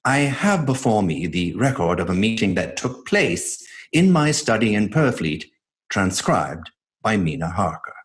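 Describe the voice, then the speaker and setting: Low-voiced, earnest doctor. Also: male voice, big pitch swings. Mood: sober, grave. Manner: measured, formal, dramatic. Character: earnest male doctor recounting his case records. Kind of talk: horror audio drama narration. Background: music.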